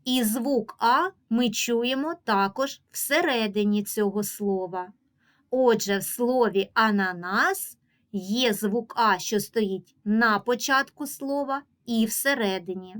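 Slow, patient Ukrainian woman teacher. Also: fairly high pitch. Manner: slow, drawn-out pronunciation of example words; patient, clearly paced instruction. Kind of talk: reading lesson for young children.

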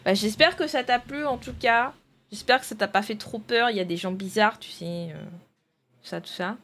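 A woman streaming live, talking loosely and thinking aloud while she sorts out her games. Her pitch sits in a middle range, and she chats to viewers in an easy, rambling way. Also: moderate pace, a bit bright. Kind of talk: casual live-stream chat.

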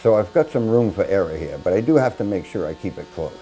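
Outdoors in a grassy yard beside a mill, an older shipwright wearing a lapel mic walks through chainsaw work step by step, plainspoken and practical with folksy asides. His low-pitched voice is warm and fast with lively intonation. Faint music plays behind him, and the recording quality is low.

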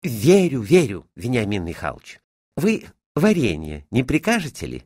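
A man voicing a fussy, scolding middle-aged lady at her summer house, with a shrill, exclaiming manner. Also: wildly swooping pitch, moderate pace, darkish tone, slightly rough, no echo, clean studio sound. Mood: fawning.

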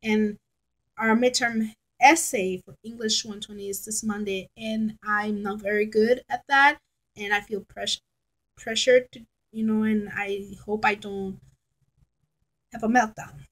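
A woman's voice: medium pitch, steady tone, measured pace, fairly bright tone, low-quality recording. A woman of thirty in a casual rambling vlog, talking frankly and chattily into a laptop webcam at home. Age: 30s. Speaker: vlogger. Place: bedroom at home, indoors. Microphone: laptop webcam at close range.

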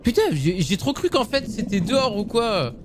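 A young man casually commenting on a survival game for his viewers, excitable and swearing often. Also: sits high, normal speed, very noisy. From France. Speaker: gaming youtuber.

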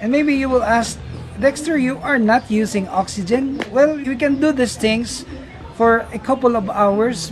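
Man from the Philippines vlogging outdoors. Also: high-pitched. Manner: explanatory, addresses viewers as guys. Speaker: vlogger, fish breeder. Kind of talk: casual walk-through vlog narration. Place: outdoor fish farm, tanks and garden.

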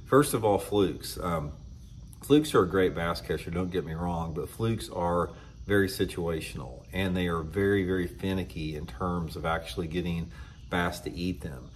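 A man in his fifties hosting a fishing channel, talking casually to camera indoors. He is blunt and opinionated and clears his throat often. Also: low-pitched, moderate pace, slight background noise. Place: indoor room with shelves of tackle.

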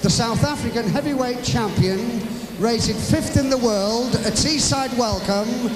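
Very high, slow male ring announcer. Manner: loud, drawn-out, formal delivery. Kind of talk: formal boxing ring announcement. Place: boxing ring in indoor arena. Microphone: handheld microphone. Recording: echoing arena PA, clear background noise.

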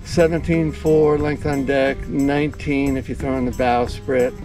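Older male sailor, casual and halting with fillers, mic at a distance, music under. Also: medium pitch, flat delivery. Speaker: small-boat sailor. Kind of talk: casual chat. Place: outdoors on a small sailboat.

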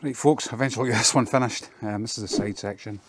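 Outdoors in a garden, a fencing contractor films himself walking through a job for a casual work vlog. He explains things in plain, practical terms with many ums. His voice is fairly low and quick-paced, against a noisy background.

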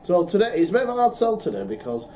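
Middle-aged british guy co-hosting, swoopy animated storytelling, faint hiss behind. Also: high-pitched, rapid-fire. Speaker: podcast co-host. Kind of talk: casual chat.

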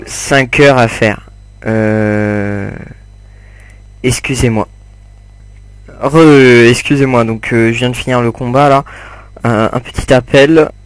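A young man talks through his gameplay in a loose, unhurried ramble, stopping often on fillers and asides to the people watching. His voice sits at an ordinary middle pitch and sounds close and dry, with no room around it. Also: no room sound. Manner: rambling, many fillers, chats to viewers while playing. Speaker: gamer commentating his play. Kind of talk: casual gameplay commentary.

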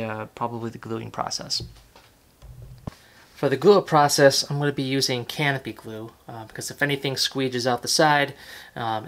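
A man casually talking through a hands-on model-building tutorial at his workbench, relaxed and chatty with lots of fillers. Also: medium pitch. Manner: relaxed and chatty, many fillers, self-correcting. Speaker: model railroad hobbyist host. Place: workbench indoors, off camera.

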